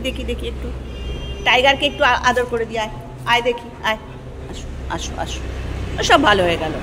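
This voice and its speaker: A woman's voice: high voice, in a large hall, background noise. A woman talking to her dogs outdoors in coaxing, sing-song baby talk. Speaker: dog owner filming her pet. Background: dogs barking.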